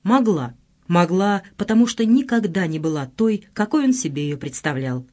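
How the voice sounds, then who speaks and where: A narrator reading a novel aloud in an expressive, dramatic way. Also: mid-range voice, moderate pace. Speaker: audiobook narrator. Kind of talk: scripted narration.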